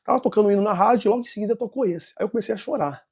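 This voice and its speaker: A man's voice: high-pitched, rapid-fire, darkish tone, husky. A nervous man telling a personal testimony in an interview, rambling and correcting himself. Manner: rambling, with restarts and self-corrections. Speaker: interview guest giving a testimony.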